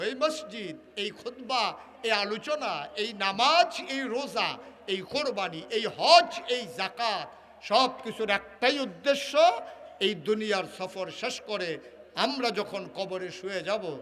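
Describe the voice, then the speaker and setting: A man delivers a fiery religious sermon. His voice sits high and cuts with a bright, forceful edge. He moves between melodic chanting and impassioned shouting through a stage mic at a big outdoor gathering. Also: animated, takes it slowly. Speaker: Islamic preacher. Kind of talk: Bengali waz sermon.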